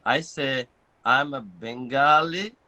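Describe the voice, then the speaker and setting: A Buddhist monk born in Bangladesh talks casually, with lots of filler sounds, and laughs at his own jokes. His mid-range voice moves slowly and has a sharp edge. The recording is muffled.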